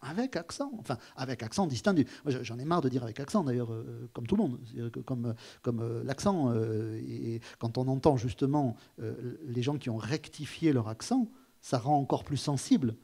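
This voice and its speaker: A man's voice: mid-range voice, moderate pace, warm tone. A man hosting a live stage conversation, speaking thoughtfully with many restarts and putting questions to his guest. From France. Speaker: host of a public talk. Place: auditorium.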